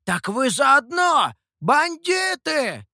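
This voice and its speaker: Brief: a male reader plays a shrill, crafty old man who screeches accusations in an audio story. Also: big pitch swings, drawn-out words, gravelly, sharp tone, dry recording, studio quality, exaggerated voice. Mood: accusing.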